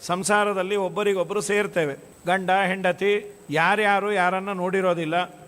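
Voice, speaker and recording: A man's voice: sits high, fairly even intonation, normal speed, fairly bright tone. A man giving a devotional sermon in a monastery hall, telling stories and acting out the dialogue. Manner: storytelling, acts out quoted dialogue; chants scripture verses in melody. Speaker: religious discourse speaker.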